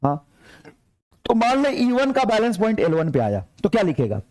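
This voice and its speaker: A high-pitched, energetic male physics teacher gives a lively classroom lecture. He repeats phrases to urge his students along and dictates English problems slowly.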